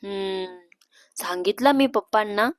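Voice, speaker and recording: A woman voicing a bashful young woman, the elder sister, who speaks in a low, careful hush in a storybook reading. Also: unhurried, no room sound, studio quality, close to an everyday voice. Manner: hushed, bashful, cautious.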